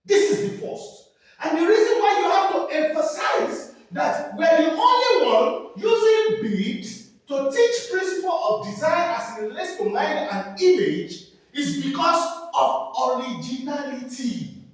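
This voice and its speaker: A man with a Nigerian English accent lectures a classroom at a slow, deliberate pace, his high voice rising and falling as he hammers home each key word and checks that the students follow. The sound is very echoey, picked up from a mic some distance away in the room. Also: sing-song. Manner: emphatic, repeats key words, quizzes the class. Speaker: design teacher.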